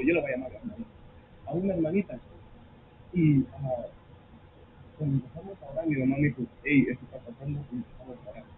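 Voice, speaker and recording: Male pastor, high voice, bilingual sermon delivery, animated storyteller; tinny phone-quality audio. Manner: switches between Spanish and English mid-sentence; animated storytelling with acted quotes. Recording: tinny phone-like sound with faint noise.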